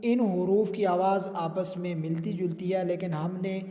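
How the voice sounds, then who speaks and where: A man's voice: sits high, fairly even intonation, warm tone, soft background music. A male Quran teacher with an Urdu accent, drawing out chanted syllables between short explanations of pronunciation. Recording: long hall reverb.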